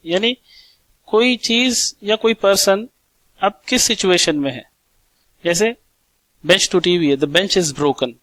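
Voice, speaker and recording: A man with a fairly high voice teaches a grammar lesson, explaining in Hindi and dropping in English terms. He asks his own questions, answers them, and slows right down to spell out word forms and clap out syllables. The sound is close and dry, with no room to it. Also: fairly bright tone, no echo, rough recording. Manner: repeats word forms slowly, clapping out syllables.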